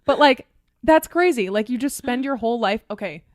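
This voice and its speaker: A woman's voice: a little high, a little fast, dry recording, clean studio sound. A woman in her twenties co-hosting a podcast, chatting casually and telling stories with lots of "like" fillers. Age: 20s. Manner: chatty, fillers of "like", animated storytelling. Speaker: podcast co-host. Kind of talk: casual chat.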